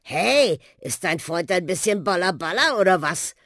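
Narrator voicing a gruff boastful old bus. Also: medium pitch, lively intonation, normal speed, a bit bright, no room sound, studio quality. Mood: cocky. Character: old, cheeky talking flying bus, male. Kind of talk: audiobook role voice.

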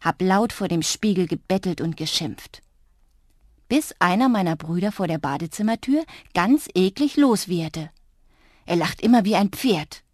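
A woman narrating a children's audiobook expressively in the first person, often dropping to a soft hush. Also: on the low side, lively intonation, moderate pace, dry recording, clean studio sound.

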